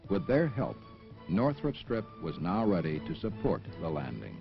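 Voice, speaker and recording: A man's voice: sits low, very animated, normal speed, vocal fry. A man reading formal, scripted documentary narration on a dull film soundtrack. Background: music.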